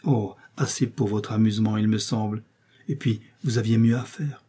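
Un homme qui prête sa voix à une femme vive et perspicace, taquine et câline, dans un livre audio. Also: male voice, lowish voice, fairly even intonation, normal speed, warm tone, breathy edge. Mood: teasing, coaxing. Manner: arch, coaxing, playful. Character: lively shrewd middle-aged woman, teasing invalid friend.

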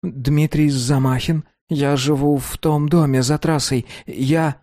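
A man reading an audiobook voices an anxious, eager fifteen-year-old boy who rushes his words. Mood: nervous. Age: 15 (figure). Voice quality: high, pleading, breathless voice. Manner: earnest and rushing, voice climbing when excited. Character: anxious, eager teenage boy obsessed with vampires. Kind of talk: audiobook character voice.

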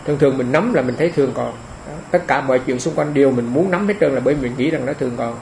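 A man's voice: mid-range voice, fast talker, gravelly, darkish tone, a little hiss or hum, poor audio. A man giving a dharma talk as a monk, homely and repeating phrases for emphasis.

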